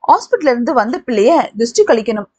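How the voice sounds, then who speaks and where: A woman's voice: sing-song, darkish tone, slightly rough. A woman doing a feisty, quarrelsome old grandmother. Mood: quarreling. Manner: shrill, quarrelsome, quick.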